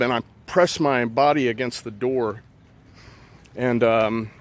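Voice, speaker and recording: A man casually telling a personal story outdoors, rambling and profane with many fillers. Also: medium pitch.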